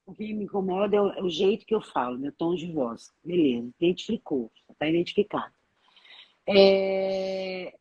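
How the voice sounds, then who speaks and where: A woman's voice: medium pitch, darkish tone, slightly rough, low-quality recording. A woman, a therapist co-hosting a live Q&A, who reasons aloud and explains her points step by step. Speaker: therapist co-host. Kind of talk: live Q&A chat.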